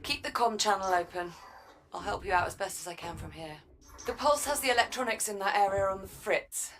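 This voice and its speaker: A woman's voice: medium pitch, a little fast, a bit bright, natural voice. A woman playing a capable, wry engineer in a sci-fi game, talking through technical matters conversationally. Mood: wry, helpful.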